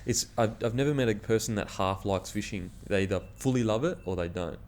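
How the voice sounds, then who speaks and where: A man's voice: lowish voice, a little fast, darkish tone, slight background noise. A man with an Australian accent hosting a casual chat, matey and slangy, often saying bro and man. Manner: matey, slangy, peppered with 'bro' and 'man'. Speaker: podcast host.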